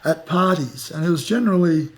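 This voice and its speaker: A man in his fifties with an Australian accent, talking in an unhurried, reflective way as an interviewee, often trailing into fillers. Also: on the high side. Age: 50s. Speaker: musician interviewee. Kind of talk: casual interview. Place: outdoors at the back of a house, rainy day.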